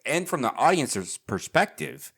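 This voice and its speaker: A man's voice: a little high, very animated, unhurried, vocal fry, a bit bright, husky. A man co-hosting a podcast in casual chat, rambling, swearing a lot and laughing often. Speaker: podcast co-host.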